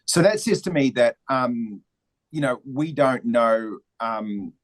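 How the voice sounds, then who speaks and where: A man's voice: mid-range voice, expressive, takes it slowly, poor audio. A man from New Zealand with a New Zealand accent, talking as a guest in an interview in a thoughtful, reflective way. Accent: New Zealand, slightly Australian or American. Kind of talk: interview conversation.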